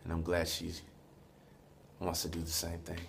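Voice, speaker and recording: A smitten husband-to-be, soft and earnest, acted by a man. His voice is very deep, flat and gravelly. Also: normal speed, a little hiss or hum, heavily acted. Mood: tender. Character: smitten young man about to marry.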